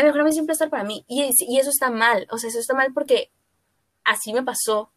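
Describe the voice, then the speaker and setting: A Mexican woman with a high voice co-hosts a podcast in a casual chat, telling a personal story. She rambles, filling her speech with fillers and self-corrections. The recording is dry.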